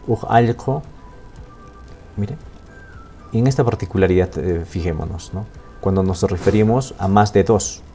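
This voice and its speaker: A man teaching a Quechua language lesson in Spanish with a Peruvian accent, explaining slowly and checking in often with "¿no?" and "¿sí?". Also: low-pitched, vocal fry, warm tone. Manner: slow, explaining with frequent "¿no?" and "¿sí?" checks.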